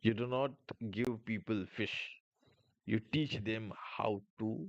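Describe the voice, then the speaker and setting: A man's voice: lowish voice, takes it slowly, no echo, lo-fi sound. A man hosting a live trading stream, explaining market moves and answering chat questions with frequent filler sounds.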